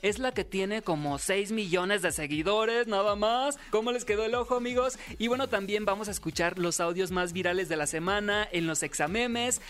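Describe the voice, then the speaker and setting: High-pitched, hyped Mexican male radio host. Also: fairly bright tone. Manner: chatty, hyped, showman-like, addressing listeners as friends. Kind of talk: upbeat entertainment radio show presenting. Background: music bed.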